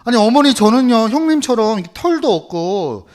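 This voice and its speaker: A man's voice: extremely high pitch, very animated, normal speed, pitched above the performer's own voice. A man voicing a clever, calculating younger son who pleads politely, in a children's sermon. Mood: pleading.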